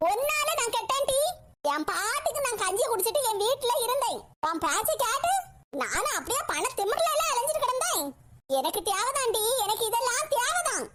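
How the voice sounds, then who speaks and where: A woman voicing a shrill scolding mother-in-law. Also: fairly bright tone. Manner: harsh, scolding, dismissive. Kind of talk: cartoon comedy voice acting. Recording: noisy home recording.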